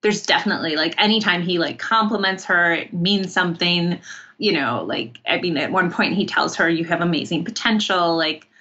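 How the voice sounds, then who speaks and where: Her voice is on the low side and her pace moderate, captured in a muffled recording. Chatting casually as an interview guest, she rambles through lively stories full of asides and frequent "like"s.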